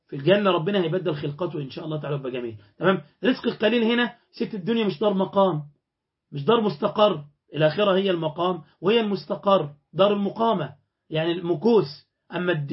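A man's voice: on the high side, highs cut off. A man with an Egyptian accent preaching a colloquial religious sermon, often putting rhetorical questions to his listeners. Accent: Egyptian Arabic.

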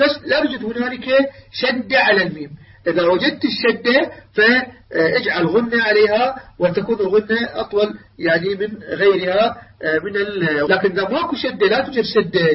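High-voiced man teaching tajweed. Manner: explains with many filler sounds, then slowly demonstrates recited words. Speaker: Quran recitation teacher. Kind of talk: tajweed lesson. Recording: distant mic, dull lo-fi sound.

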